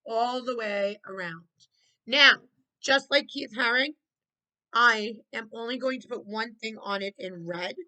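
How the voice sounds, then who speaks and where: A woman's voice: a little high, pushed and bright, poor audio. A woman art teacher leading children through a step-by-step drawing lesson, encouraging them with praise and prompts.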